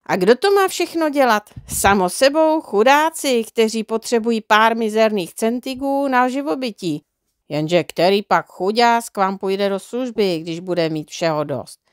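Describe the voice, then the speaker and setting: Woman doing a sly smooth-talking swindler. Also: a little high, animated, no echo, studio quality, close to an everyday voice. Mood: persuasive.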